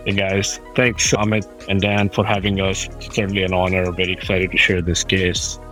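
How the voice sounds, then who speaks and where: Doctor guy from pakistan, lowish voice, polite, quiet music under. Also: monotone, moderate pace. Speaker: interventional cardiology fellow. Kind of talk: casual self-introduction.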